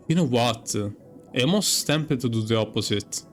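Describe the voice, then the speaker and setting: A gaming streamer gives casual playthrough commentary, rambling and hesitant, swearing as he thinks aloud. His medium-pitched voice has lively intonation and a slow pace, with faint music in the background.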